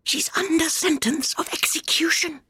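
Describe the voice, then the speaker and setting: A timid, fussy storybook rabbit. The voice is high and hushed, anxious and frightened, recorded close and dry. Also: male voice, big pitch swings, measured pace, no room sound, exaggerated voice.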